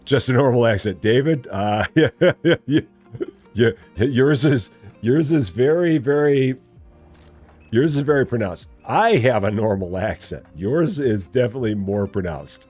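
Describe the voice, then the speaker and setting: With soft background music going, a gaming streamer chats casually during live play in an expressive, darkish mid-range voice at a measured pace. His accent is General American, specifically Midwest Illinois, and he tends to repeat himself and tease playfully.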